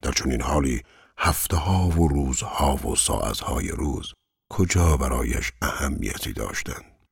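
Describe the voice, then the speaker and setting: A man narrating a novel in a measured, solemn way. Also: very deep voice, animated, gravelly, husky, dry recording, studio quality. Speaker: audiobook narrator.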